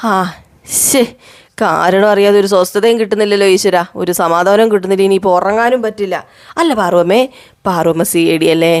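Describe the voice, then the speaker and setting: A woman's voice: mid-range voice, fairly quick, a little mellow, natural voice. A woman voicing a pestering young man. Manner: pestering, fretful questions. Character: restless young man, nagging and curious.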